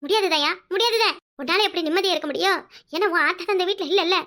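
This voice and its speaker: A woman voicing a quarrelsome, sharp-tongued village wife in a cartoon, with a Kanyakumari Tamil accent, scolding in rapid complaints. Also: extremely high pitch. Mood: defiant. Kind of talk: cartoon voice acting.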